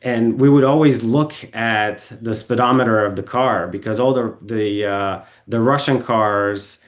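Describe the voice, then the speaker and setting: Low-voiced man telling stories. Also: measured pace. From Bulgaria. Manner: rambling, self-correcting, with frequent ums and restarts. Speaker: podcast guest. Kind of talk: casual storytelling interview. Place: podcast studio.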